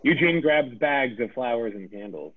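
Laughing between lines, a man reads the stage directions of a comedy script aloud during a table read. He speaks expressively at medium pitch and a moderate pace, with a tinny, phone-like recording quality.

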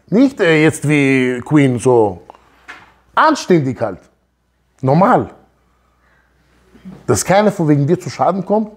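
With a medium-pitched voice and a breathy edge, a thirty-something Torah teacher gives a forceful lecture full of rhetorical questions and Hebrew terms. A lapel mic captures him in an office room with a wooden wall.

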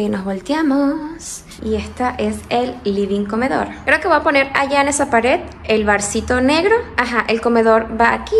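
A young woman with a voice on the high side records a chatty move-in vlog, laughing often as she walks through her empty apartment with a handheld phone. Besides the echo of the bare rooms and the music under her, the background is noisy.

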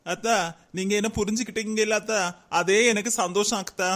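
A woman's voice: mid-range voice, fairly even intonation, fairly quick, lightly acted. A woman voicing a sweet young daughter-in-law. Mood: earnest. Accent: Kanyakumari Tamil. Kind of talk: comedy cartoon voice acting.

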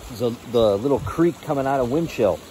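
A man on a canoe trip, chatting casually outdoors in a relaxed, halting way. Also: medium pitch, a little hiss or hum. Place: outdoors on a lake in the woods.

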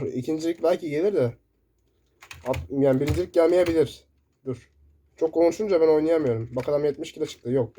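A gaming YouTuber commentates his own first-person shooter gameplay, getting excitable and shouting in sudden bursts. His voice runs on the high side. His desk mic sits close enough to pick up loud keyboard clicks.

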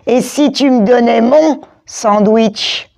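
A woman voicing a big bullying boy dinosaur in a storybook, mocking and slow. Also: a little high, gravelly, darkish tone. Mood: sneering.

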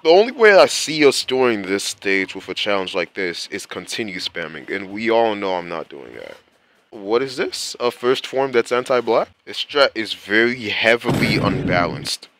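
Low-voiced, forceful young gaming host. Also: male voice, big pitch swings, normal speed. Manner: exasperated, rambling, slangy. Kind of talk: casual gameplay commentary. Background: faint game music.

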